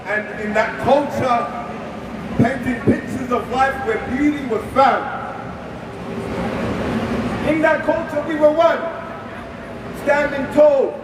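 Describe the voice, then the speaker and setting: A man's voice: very high-pitched, background noise. Young man performing spoken word poetry. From Australia. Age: young adult. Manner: rhythmic rhyming delivery. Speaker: rally speaker, spoken word poet. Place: outdoor street rally. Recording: echoey, distant outdoor PA.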